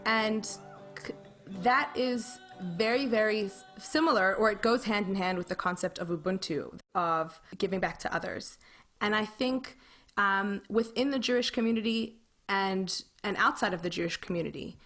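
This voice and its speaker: A woman's voice: mid-range voice, normal speed, a bit bright, faint music behind. A woman speaking earnestly and thoughtfully in an interview.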